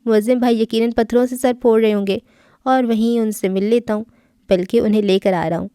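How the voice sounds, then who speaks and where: This is a chatty, teasing young man who fills every silence, read by a woman in an audio novel. The delivery is playful and light, with a mellow tone. The sound is close and dry. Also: a little high, fairly even intonation, smooth, dry recording, lightly acted. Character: lively, loud young man, teasing cousin. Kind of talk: audiobook character reading.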